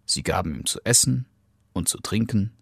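A man reading a fairy tale aloud as narrator, in a calm, unhurried storytelling manner. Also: on the low side, gravelly, no echo, clean studio sound.

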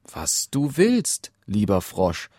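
A man's voice: fairly low pitch, huge pitch swings, slow, darkish tone, no echo, studio quality, voice pushed up, heavily acted. A man voicing a spoiled young princess in a fairy tale, in a raised, whiny voice. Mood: petulant.

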